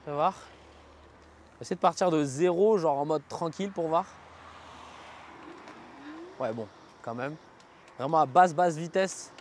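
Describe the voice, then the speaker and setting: A high-pitched male vlogger talks off the cuff as he rides outside. His delivery is informal and slangy, as he thinks out loud. There is faint vehicle and outdoor noise behind him. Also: a little slow, long pauses. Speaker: vlogger reviewing an electric scooter. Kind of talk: casual spoken vlog commentary while riding. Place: outdoors, riding on city roads.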